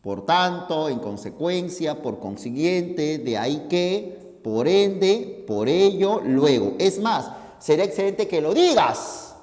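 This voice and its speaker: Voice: medium pitch, very animated, takes it slowly, a little mellow, in a large hall. A teacher giving a logic lesson, explaining each step and often checking that the students follow. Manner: addresses listeners informally, pointing at the board.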